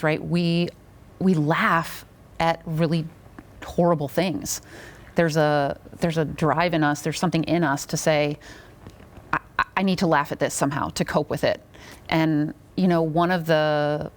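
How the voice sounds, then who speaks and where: Deep-voiced woman doctor interviewing someone, reflective, lots of mm-hmms. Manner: warm, affirming, reflective, frequent mm-hmms. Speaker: interviewer, therapist and teacher. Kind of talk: interview conversation.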